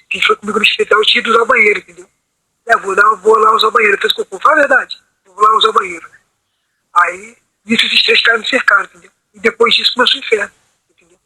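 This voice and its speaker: A man's voice: high voice, sharp tone, slightly rough, no room sound, rough recording. A man on a video call telling a long personal account, rambling and asking "entendeu?" after almost every phrase. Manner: rambling, repeats "entendeu?" constantly. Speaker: meeting participant.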